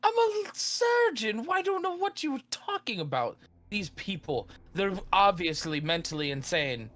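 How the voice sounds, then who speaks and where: A man putting on a shrill, indignant killer. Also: big pitch swings, moderate pace, fairly bright tone. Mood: protesting. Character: smooth-talking male killer posing as a surgeon.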